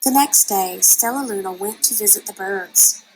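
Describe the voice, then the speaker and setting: A woman narrating a children's picture book aloud in a deliberate, expressive way. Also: medium pitch, a little hiss or hum, rough recording. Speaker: storybook reader.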